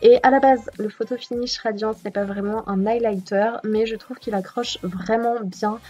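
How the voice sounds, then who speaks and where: Husky-voiced woman chatting over music. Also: a little high, steady tone, moderate pace, lo-fi sound. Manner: chatty, with frequent filler hesitations. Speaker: beauty vlogger. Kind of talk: voice-over narration of a makeup routine. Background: soft background music.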